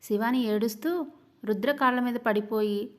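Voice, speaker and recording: A woman storyteller giving scripted narration of a serial love story in a steady, even manner. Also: on the high side, normal speed.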